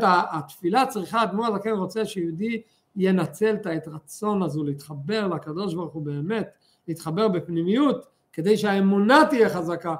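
High-voiced fervent teacher, man. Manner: animated, fervent, drawn-out emphasis. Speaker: Torah teacher. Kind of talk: religious lesson with storytelling.

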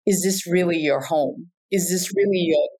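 Low-voiced woman, reflective podcast guest. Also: moderate pace, warm tone. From Japan. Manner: reflective, with frequent "you know" and "in terms of". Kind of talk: casual conversation.

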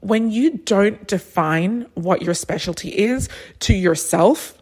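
A woman's voice: medium pitch, slow pace, husky. Chatty woman coaching travel advisors. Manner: chatty, anecdotal, animated impressions. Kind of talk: solo business podcast talk.

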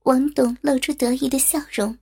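A woman reading a story aloud as narrator, in a steady, even storytelling manner. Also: high voice, normal speed, vocal fry, husky.

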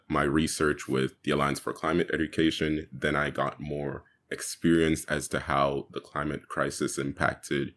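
A young man from Jamaica speaks as an interview guest with an extremely deep voice. He talks earnestly and stops now and then to gather his thoughts. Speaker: guest youth activist. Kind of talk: casual interview talk.

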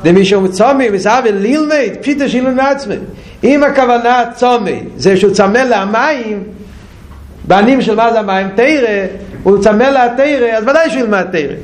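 High-voiced man teaching a Torah class. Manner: questioning, repeats himself, swings between high urgent and low quiet.

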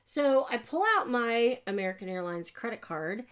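A woman host telling a lively story in a casual monologue, acting out the people in it with whiny and squealing voices. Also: on the high side, moderate pace. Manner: animated, acts out dialogue with whiny and squealing voices. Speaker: podcast host.

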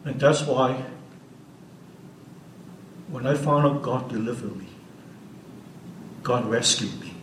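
A man's voice: mid-range voice, slow, long pauses, fairly bright tone, a little hiss or hum. A man of sixty giving an unscripted church teaching as a guest speaker, earnest and often asking the audience questions. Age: 60s. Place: church hall. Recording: roomy hall audio from a distance.

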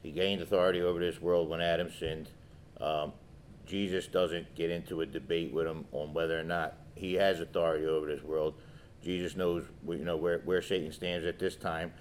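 A man leading a relaxed church discussion and reading scripture aloud. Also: low voice, moderate pace, slight background noise.

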